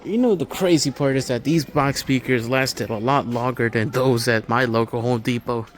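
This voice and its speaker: A man of medium pitch and moderate pace films a casual, meandering walkthrough of a big hardware store. Talking like an excited hobbyist, this amateur video maker is backed by the store's music.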